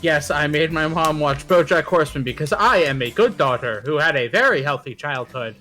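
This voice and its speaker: A streamer reading a chat message aloud in a flat, mechanical robotic voice. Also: medium pitch, normal speed, faint music behind, pitched below the performer's own voice, lightly acted. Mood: deadpan robotic. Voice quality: monotone, mechanical delivery.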